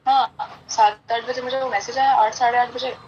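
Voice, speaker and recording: A woman with a somewhat high voice tells a family story on a podcast in relaxed, chatty fashion. She acts out the lines of the people in her story, keeps asking her listener "right?", and slips English phrases into her talk. A faint hum of background noise sits under her voice. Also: moderate pace, dull audio. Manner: mixes English phrases into Hindi. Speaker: podcast guest. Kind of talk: casual storytelling chat.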